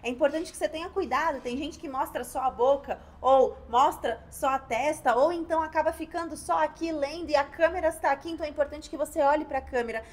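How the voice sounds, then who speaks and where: A Brazilian woman lawyer teaching colleagues how to argue in court, changing her pace and loudness on purpose and acting out courtroom lines. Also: high-pitched. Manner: varies pace and loudness on purpose, pausing for emphasis; acts out courtroom lines to show how to speak. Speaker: labor lawyer giving advice. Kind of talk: instructional talk to the camera.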